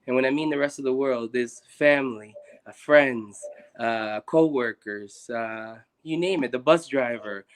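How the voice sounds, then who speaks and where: A man's voice: mid-range voice, measured pace. A young man from Guatemala talking earnestly and reflectively as a guest, with many restarts. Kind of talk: casual conversation on a live stream.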